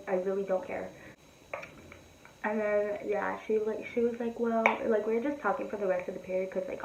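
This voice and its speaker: A woman's voice: mid-range voice, gravelly, a little mellow, roomy sound, a little hiss or hum, low-quality recording. A teenage girl vlogger telling a story while doing her makeup, casual and rambling, full of fillers and blunt swearing. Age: teens. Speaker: beauty vlogger.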